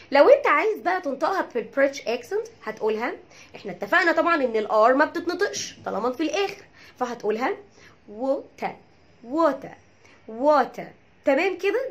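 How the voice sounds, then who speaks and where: Egyptian lady english teacher, quick talker, voice jumps all over, keeps repeating words for practice. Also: high voice. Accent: Egyptian Arabic. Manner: animated, repeats words to drill pronunciation; checks in with "tamam?". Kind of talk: pronunciation lesson.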